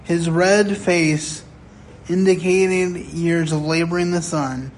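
A man in his sixties delivers a sermon at an unhurried pace, his voice sitting a touch high for a man. He tells stories earnestly and pauses deliberately between phrases. A faint hiss sits under the voice. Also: fairly even intonation. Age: 60s. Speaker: preacher. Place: chapel sanctuary.

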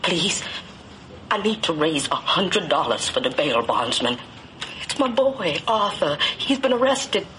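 A desperate folksy mom begging for her son, tv drama, lively pitch, bit of noise. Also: measured pace, full character voice. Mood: pleading. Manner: pleading, folksy. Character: desperate, humble mother pleading for her son. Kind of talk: TV film drama acting. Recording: film soundtrack, faint background noise.

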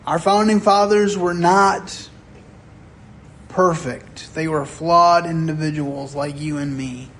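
Older guy preaching in a chapel, slow and earnest, kinda higher voice, some pauses. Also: fairly even intonation, fairly bright tone, slight background noise. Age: 60s. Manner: earnest storytelling with deliberate pauses. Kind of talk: sermon. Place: chapel sanctuary.

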